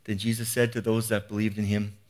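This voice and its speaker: Man, fifties, lowish voice, earnest preacher, conversational sermon, rhetorical questions. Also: level tone, brisk.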